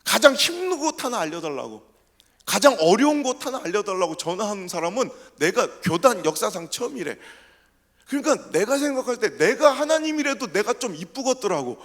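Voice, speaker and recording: Animated pastor with a Chungcheong Korean accent. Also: male voice, high-pitched, fairly quick. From South Korea. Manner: animated, humorous storytelling with mimicked dialect. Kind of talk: revival sermon with personal testimony. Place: church sanctuary. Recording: reverberant church sanctuary.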